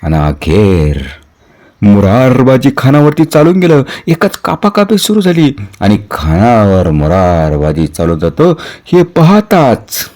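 A man telling a heroic history as a devotional kirtan storyteller, swinging dramatically between soft and loud. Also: lowish voice, very animated, slow.

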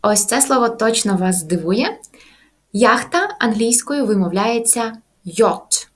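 Female language teacher, voice sitting a bit high, slow careful delivery of example words. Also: animated. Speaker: English teacher. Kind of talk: language lesson.

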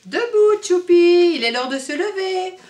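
Woman doing a gentle caring storybook mother. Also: high-pitched, lively intonation, moderate pace, pitched above the performer's own voice. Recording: roomy echo, mic far off.

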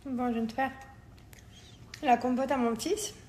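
A woman with a slightly high voice talks in a casual family vlog. She coos gently at her baby and breaks off for relaxed, chatty asides to her audience. A faint background noise sits under her voice. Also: normal speed. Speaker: family vlogger and mother.

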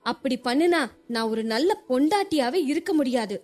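A woman's voice: high voice, lively intonation, normal speed, a little mellow. Woman reading a hurt young wife. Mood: hurt, pleading. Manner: pleading, wounded. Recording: long hall reverb.

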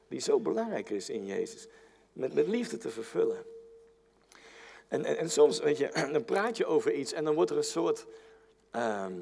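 Animated, slightly hoarse man preaching. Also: on the high side. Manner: earnest, repetitive restarts, animated delivery. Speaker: pastor. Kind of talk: sermon. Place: church hall. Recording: long church-hall reverb.

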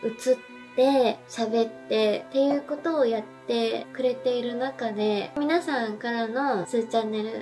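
A tipsy young woman hosts an informal channel chat. Her voice sits a little high, and faint music plays behind her. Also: a little slow, darkish tone. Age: young adult. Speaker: channel host. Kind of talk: casual chat, addressing viewers. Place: indoor room, on a sofa at a table.

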